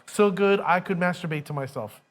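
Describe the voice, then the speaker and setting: Man, co-host, casual live-stream chat, high-pitched voice, loud, playful, whooping. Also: a little fast. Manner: loud, playful, prone to whoops and silly jokes.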